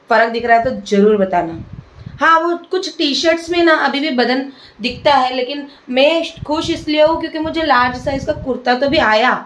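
A woman's voice: sits high, low-quality recording. Chatty young mother vlogging at home. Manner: chatty, addresses viewers directly, coos at her baby. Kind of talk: casual home vlog chat.

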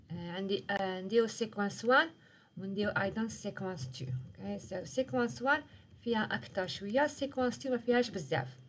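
A woman with an Algerian Arabic accent leads a live-streamed English revision lesson in a mid-range voice. She mixes Arabic, French and English words and keeps checking in with her students. A faint hiss sits under her voice. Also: medium pitch. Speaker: English teacher.

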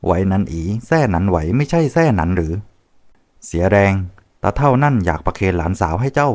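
A man voicing a mysterious, teasing old male fortune-teller in an audiobook, cryptic and unhurried in manner. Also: sits low, animated, darkish tone. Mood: knowing.

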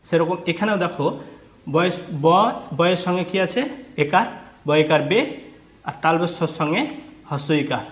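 Male teacher, patient and repetitive, sounds out letters step by step; slightly raised pitch. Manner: patient, repetitive, asks and answers own questions. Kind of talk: children's reading lesson. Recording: echoey room.

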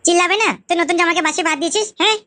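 A woman's voice: very high-pitched, very fast, sharp tone, no room sound. A woman voicing a young wife in an adult cartoon, pleading and soothing her husband.

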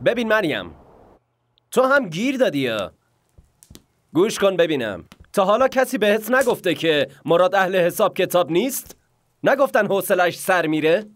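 A man's voice: high-pitched, big pitch swings, fairly bright tone. A man dubbing a cocky young man who brushes off a girl with teasing dismissal. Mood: dismissive. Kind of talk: Persian dub of a TV drama.

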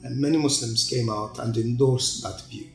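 A gravelly-voiced middle-aged man from Tunisia answers interview questions in a measured, pausing way. The sound carries the echo of a large room, and faint music runs underneath. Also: medium pitch, fairly even intonation. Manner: measured, pausing speech with repeated restarts. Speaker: guest, TV channel executive. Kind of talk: sit-down interview. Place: large open-plan office.

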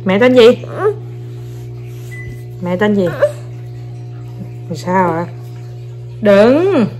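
Speaking very slowly yet animatedly, a young mother with a warm, medium-pitched voice films her kids over soft background music. She coaxes them playfully, repeats short commands, and talks casually to her viewers.

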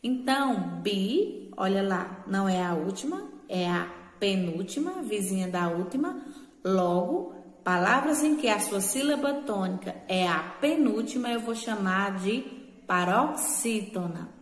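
A Brazilian woman teacher giving a remote lesson, talking patiently, repeating words slowly and checking in with short tag questions. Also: mid-range voice, lively intonation. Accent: Brazilian Portuguese. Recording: echoey room with long reverb.

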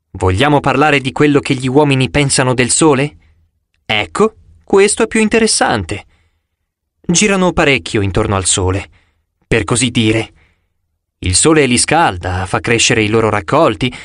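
Male reader as a swaggering sun god, teasing and breezy, lively swings in tone, dry close sound. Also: mid-range voice, dry recording, natural voice.

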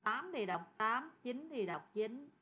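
Bright-voiced woman teaching code. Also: fairly high pitch, expressive, slow, breathy edge. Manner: chatty, asks students questions. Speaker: programming teacher. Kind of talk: screen-recorded coding lesson.

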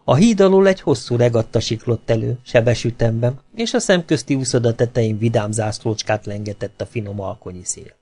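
A man narrating an audiobook with a measured, expressive reading. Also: medium pitch.

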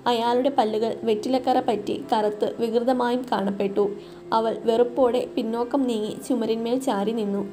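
A woman reading a literary short story aloud in steady, measured narration. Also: a little high. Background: soft background music.

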